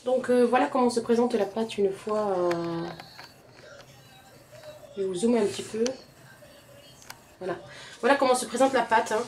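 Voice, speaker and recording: A woman's voice: a little high, moderate pace, long pauses, a little mellow, soft background music. Woman, Southern French accent, casual cooking tutorial, chatty, repeats herself, home kitchen. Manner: chatty, addresses viewers directly, repeats words often. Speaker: home cook.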